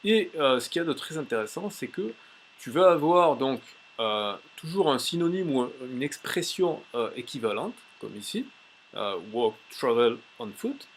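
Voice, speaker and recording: A man teaching a language tips lesson in a casual, chatty way, pausing often with fillers as he shows a website on screen. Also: medium pitch, sing-song, slight background noise. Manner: chatty, many "euh" fillers and restarts. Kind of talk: casual tutorial with screen demo.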